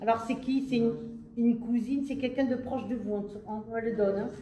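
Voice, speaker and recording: A woman giving a psychic reading in a theatrical, drawn-out way. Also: fairly high pitch, steady tone, dark tone. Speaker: medium.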